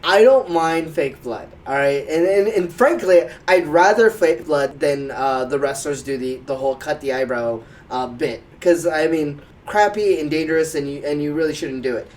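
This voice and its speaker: A man's voice: fairly high pitch, moderate pace, few pauses, recorded from a distance. A man co-hosting a casual wrestling podcast, giving emphatic opinions. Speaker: podcast co-host. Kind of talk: casual chat.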